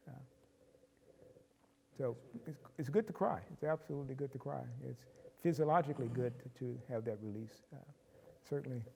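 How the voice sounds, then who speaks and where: A man speaking in a measured, explanatory way with frequent pauses, in a reflective group discussion. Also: medium pitch, creaky, mellow, in a large hall, a little hiss or hum. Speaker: discussion panelist.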